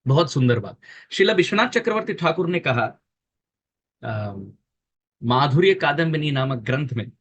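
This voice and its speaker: A man giving a devotional sermon, explaining earnestly with emphatic repetition and chanting verses in a slow, drawn-out voice. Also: on the high side, animated, breathy edge, muffled recording. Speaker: preacher.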